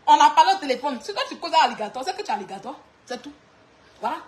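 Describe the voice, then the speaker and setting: Very high-pitched mocking woman. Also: sing-song, racing. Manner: mocking, often laughing while talking. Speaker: online clash streamer. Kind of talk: insulting clash rant.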